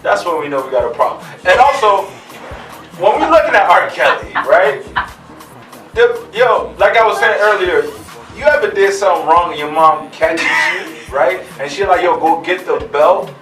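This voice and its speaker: A man joins a casual talk show as a guest, joking and laughing through his points. His voice is slightly high for a man and sounds distant in a roomy space, with faint music behind. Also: moderate pace. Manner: joking, laughs while talking, animated. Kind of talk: casual debate chat.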